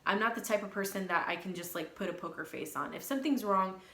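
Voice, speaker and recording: A woman's voice: medium pitch, fast, bright, forceful tone, reverberant. A young woman, a hairstylist, talking frankly and emotionally about her past failures in a candid vlog. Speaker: beauty vlogger and hairstylist.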